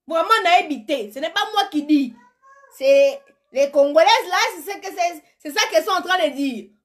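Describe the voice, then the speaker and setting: A woman's voice: very high-pitched, lively intonation, fairly quick, fairly bright tone. A woman, chatting to her viewers in a gossipy, playful way and telling stories with mimicry. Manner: gossipy, playful, repeats words and mimics others. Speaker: live streamer commenting on news. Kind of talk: animated storytelling chat.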